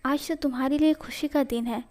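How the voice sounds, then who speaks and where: A scolding, sarcastic middle-aged mother, as a woman reads her in a fan fiction story. The voice stays high and mellow, close to the reader's own. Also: steady tone, fairly quick, close to an everyday voice. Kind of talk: fan fiction read aloud.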